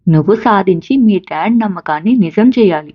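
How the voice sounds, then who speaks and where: A woman's voice: medium pitch, expressive, brisk, breathy edge, dry recording, muffled recording. A woman voicing a caring mother who patiently encourages her college-age son. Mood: encouraging. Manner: patient, coaxing, reassuring.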